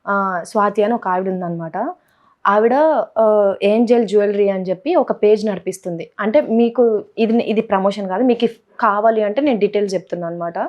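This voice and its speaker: A woman's voice: medium pitch, darkish tone. A young woman with a Telangana Telugu accent, chatting playfully in a casual vlog and mixing in English words. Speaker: vlogger. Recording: dull lo-fi sound.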